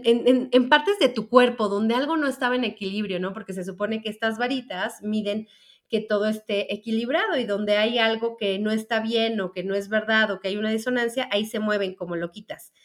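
Chatty Mexican woman telling a story. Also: mid-range voice. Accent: Mexican Spanish. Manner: chatty, with frequent fillers and restarts. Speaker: speaker on feminine energy. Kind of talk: casual storytelling monologue to an audience.

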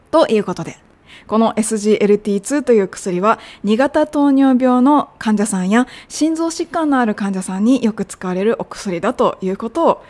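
A young woman hosts a casual lesson on pronouncing medical English terms. Her voice sits a little high, and she chats in a friendly way. She slows down to drill each sound for her listeners. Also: darkish tone. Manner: friendly, chatty coaching, drilling sounds slowly. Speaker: English pronunciation teacher.

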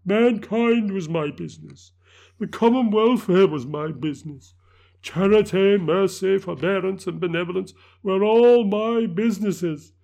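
A man's voice: sits high, a little slow, vocal fry, mellow, voice pushed up. A man voicing the anguished ghost of a dead miser, wailing and declamatory. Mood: lamenting.

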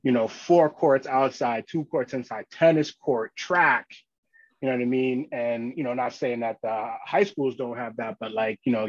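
A man's voice: medium pitch, no echo, muffled recording. New man, dry sound. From Queens and Long Island, New York. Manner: informal, peppers talk with "you know" and "right?". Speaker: interview guest, social worker in schools. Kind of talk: casual conversational interview.

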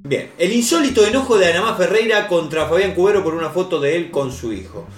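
A man with a Rioplatense accent co-hosts a casual comedy chat, swearing freely in crude, mock-outraged banter. His voice sits a little high and swings widely in pitch. It is recorded in a roomy, echoing space with faint music underneath. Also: expressive, fast talker. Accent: Rioplatense Spanish. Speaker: co-host.

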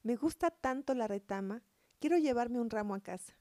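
A woman's voice: fairly high pitch, lively intonation, normal speed, mellow, no echo, clean studio sound, natural voice. Woman reading as a passionate young lover. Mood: eager.

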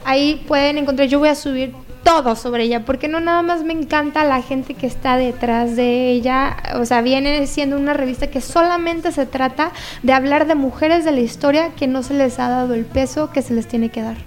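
A woman, a guest artist chatting in a relaxed interview and laughing often. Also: high-pitched, normal speed, few pauses. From Mexico. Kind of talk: casual interview chat.

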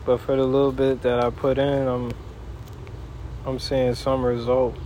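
A man gives a casual podcast update at a slow, unhurried pace, rambling and folksy, with pauses mid-thought. He is outdoors in a backyard, with clearly noisy ambience behind him. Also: medium pitch, monotone, warm tone. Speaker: podcast host.

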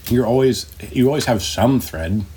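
A man's voice: medium pitch, expressive, moderate pace, mellow, slightly rough. A man talking informally and slangily in a casual philosophical conversation.

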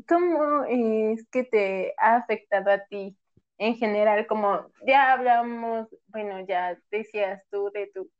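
A woman's voice: fairly high pitch, a little mellow, highs cut off. A young woman hosting a casual chat, giggling as she tells stories. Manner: giggly storyteller, quotes herself. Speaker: host.

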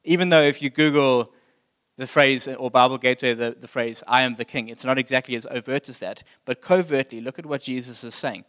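A man's voice: mid-range voice, brisk, a bit bright. A man delivering a sermon as pastor, speaking in a casual, plainspoken way and asking his listeners direct questions. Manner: conversational, plainspoken preaching.

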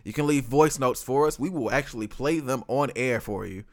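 A man hosting a podcast, chatting in a slangy, animated, informal way. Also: mid-range voice, normal speed. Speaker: podcast host. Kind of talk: casual podcast chat.

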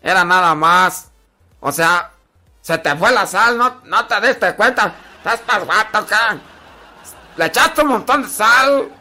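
A man playing an impatient husband who grumbles and barks orders at his wife in a loud, nagging way. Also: high voice, expressive, brisk, faint music behind.

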